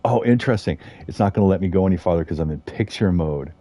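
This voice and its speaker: A man's voice: deep voice, expressive, fast talker, mellow, dry recording. A middle-aged man chatting casually as he streams a game, rambling with fillers and small chuckles. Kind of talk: casual gameplay commentary.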